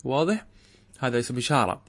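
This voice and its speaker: This is an expressive middle-aged lecturer covering Arabic grammar for a class, his mid-range voice captured in a dry recording. Rhetorical questions followed by his own answers come up again and again, and he slows to spell out examples.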